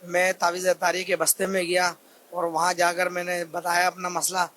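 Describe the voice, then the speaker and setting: A man's voice: high-pitched, monotone, moderate pace, a bit bright, slight background noise. A man attending a religious gathering, plainly recounting his experience to a reporter. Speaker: interviewed attendee.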